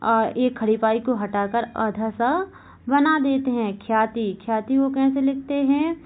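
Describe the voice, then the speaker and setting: A woman teaching a Hindi grammar class for exam candidates, slowly repeating each point and asking questions that she answers herself. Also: a little high, phone-quality sound. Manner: slow and repetitive, asks questions and answers them herself; keeps saying "okay, remember this". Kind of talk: exam-prep class lecture.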